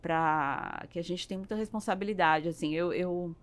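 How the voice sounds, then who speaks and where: A podcast guest who runs her own business, she's a Brazilian woman with a lowish voice and a moderate pace. The interview is conversational, and she frequently gropes for words and ends lines with tag questions.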